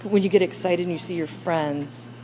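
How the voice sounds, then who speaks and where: A woman's voice: lowish voice, moderate pace, noisy background. A woman teacher leading a classroom discussion with children, coaxing them with question after question.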